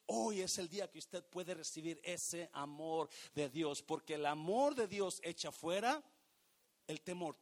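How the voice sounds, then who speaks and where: A male pastor delivering a sermon in a lively, animated style. His voice sits a little high for a man. He swings between loud, urging exhortation and hushed, almost whispered moments. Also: creaky.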